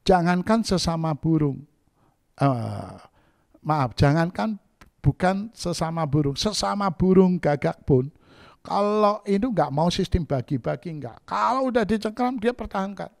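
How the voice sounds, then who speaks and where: Male pastor, gravelly, animated storyteller, dry close mic. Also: measured pace, dry recording. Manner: animated storytelling, acts out quoted voices with big pitch jumps. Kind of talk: sermon. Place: church.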